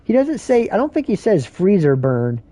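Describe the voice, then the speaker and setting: A man's voice: high-pitched, very animated, moderate pace, mellow, no room sound. A man streaming a game, rambling and swearing through a casual rant. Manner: rambling, profane, ranting. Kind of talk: casual rambling commentary while playing.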